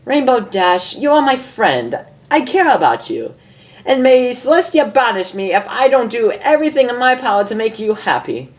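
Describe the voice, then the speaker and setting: In a storybook reading, a woman voices an elegant young female unicorn dressmaker, prim and theatrical, with affected, drawn-out exclamations. Her voice is pushed up a little high and very animated, with an affectionate mood.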